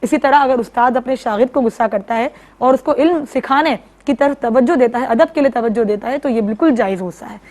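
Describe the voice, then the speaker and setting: A woman's voice: a little high, few pauses. A woman religious scholar on a studio talk show, explaining steadily and listing examples. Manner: steady, didactic, lists examples. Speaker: female religious scholar guest.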